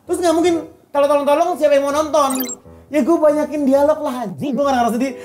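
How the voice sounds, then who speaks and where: A young woman, an actress telling animated stories in casual chat, laughing and swearing freely. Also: high voice, fast talker, faint music behind. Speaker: actress and social media personality.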